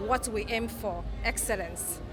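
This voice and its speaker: A middle-aged woman giving composed interview answers in short, deliberate phrases. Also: medium pitch. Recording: music behind interview.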